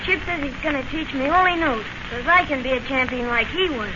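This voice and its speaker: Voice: high-pitched, fairly quick, natural voice. A performer playing an eager, devoted nine-year-old boy in an old-time radio drama, earnest and plaintive, speaking in boyish slang. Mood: proud, eager. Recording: noisy, muffled old radio recording.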